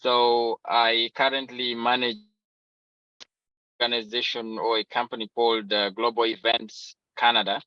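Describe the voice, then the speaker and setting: A man's voice: mid-range voice, flat delivery, unhurried, no echo. A man from Uganda introducing himself as a guest, hesitant with many fillers. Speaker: peace ambassador guest. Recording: dry, dull lo-fi call audio.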